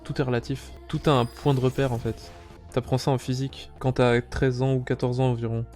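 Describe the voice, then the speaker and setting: A young man with a Belgian French accent giving casual, animated gameplay commentary as a streamer, swearing often and talking straight to his viewers. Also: medium pitch, brisk, soft background music.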